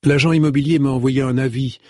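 A man with a husky voice voicing an earnest young man in an audiobook. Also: mid-range voice, fairly even intonation, fast, mellow, no room sound, clean studio sound, close to an everyday voice.

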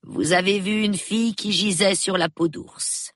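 A man reading an audiobook, voicing a shrewd, prim elderly spinster who speaks in a measured, precise, calmly reproving way. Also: high voice, no echo, clean studio sound, voice pushed up. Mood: calm, knowing. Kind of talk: audiobook character voice.

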